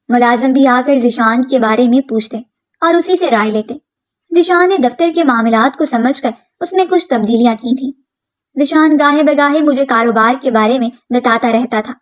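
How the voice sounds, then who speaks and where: A woman telling a dramatic story in the first person, reading a script in an earnest storytelling manner. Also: high-pitched.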